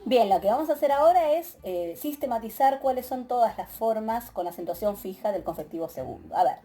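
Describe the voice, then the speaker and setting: A woman teacher with an Argentine Spanish accent, giving a methodical recorded grammar lecture, often pausing with "eh" and checking in with her students. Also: on the high side, animated, warm tone, faint music behind. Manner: methodical, explanatory, many filler "eh"s and rhetorical "¿sí?" checks.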